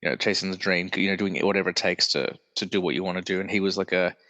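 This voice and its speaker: This solo podcast host is a man whose illness leaves him congested and nasal; he chats casually, rambling on and fixing his own words as he goes. His voice sits low with little pitch movement and a sharp tone, and he talks fast. It sounds like he's in a large hall.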